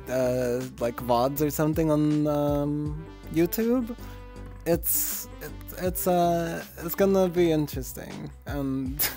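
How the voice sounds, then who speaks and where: A man's voice: fairly high pitch, darkish tone. A man streaming casually to his viewers, putting on a light Italian lilt and often stopping to restart and repeat his words. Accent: put-on light Italian lilt. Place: virtual-world livestream at home.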